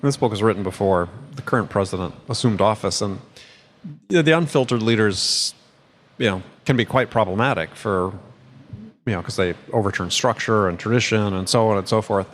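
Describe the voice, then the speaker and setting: Low-voiced man hosting, losing his voice. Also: a little fast, a little hiss or hum. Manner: rambling, self-interrupting, chuckles often. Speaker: podcast host. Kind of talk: casual conversational chat.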